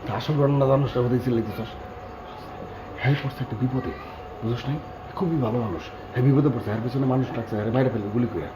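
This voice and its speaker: An actor playing a flustered bachelor who talks in a hushed, urgent way. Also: male voice, medium pitch, quick pace, natural voice. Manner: hushed and urgent, pleading for quiet. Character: flustered bachelor hiding a foreign woman. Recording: echoey, dull and noisy location sound.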